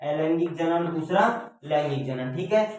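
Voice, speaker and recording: A man with a somewhat high voice teaches biology in a very echoey classroom, recorded from a distance. He repeats key points and keeps checking that the students follow, calling them "beta". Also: lively intonation, normal speed, a little mellow, slight background noise. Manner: repetitive, checks with "theek hai?". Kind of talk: classroom-style lecture. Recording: very echoey room, mic far off.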